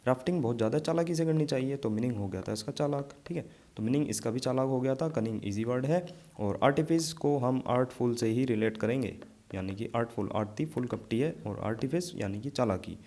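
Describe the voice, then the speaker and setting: A man's voice: medium pitch, brisk, warm tone. A man teaching an exam vocabulary lesson, explaining memory tricks and checking in often with his students.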